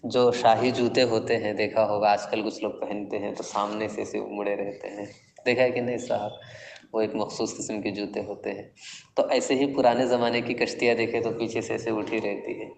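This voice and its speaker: Man lecturing a class w/ an urdu accent, low flat voice, quizzes students a lot, echoey room w long reverb. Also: gravelly, slight background noise. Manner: explains step by step, quizzing students with questions. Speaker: teacher of classical Arabic poetry. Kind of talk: classroom lecture explaining verses.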